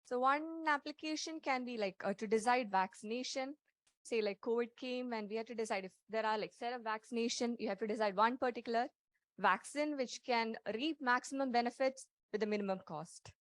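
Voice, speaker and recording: A woman's voice: a little high, fairly quick, dry recording. A woman with an Indian accent giving a spontaneous answer as a training participant.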